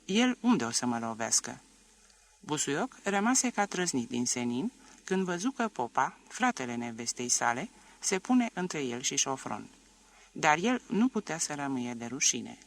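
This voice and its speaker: A man reading a classic novel aloud as an audiobook narrator, in a measured, expressive way. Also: a little high.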